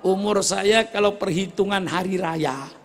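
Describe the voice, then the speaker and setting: A man in his eighties preaching a sermon to a gathering, joking with the audience and rising to shouts. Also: high-pitched, a little slow. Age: 80s. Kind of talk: religious sermon. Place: gathering before a crowd.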